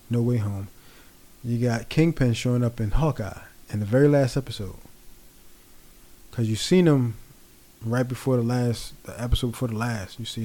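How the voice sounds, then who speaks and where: Male vlogger with a warm, mellow voice and relaxed, rambling delivery. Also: mid-range voice. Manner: rambling, relaxed, many fillers. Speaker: pop culture vlogger. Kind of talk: casual commentary.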